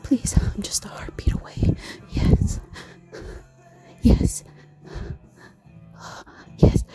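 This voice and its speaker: A woman voicing a seductive, menacing female succubus in an erotic audio roleplay, in a slow, teasing, commanding whisper. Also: faint music behind. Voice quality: soft, breathy whisper.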